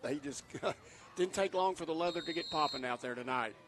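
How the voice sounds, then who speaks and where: A man giving folksy color commentary on a high school football radio broadcast. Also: fairly quick, fairly bright tone, slight background noise. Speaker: color analyst. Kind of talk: casual radio sports analysis.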